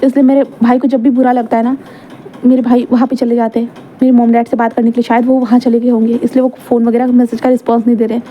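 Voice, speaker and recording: A woman's voice: on the high side, flat delivery, quick pace, lo-fi sound, slight background noise, natural voice. A woman voicing an earnest young man who explains, worried about his brother.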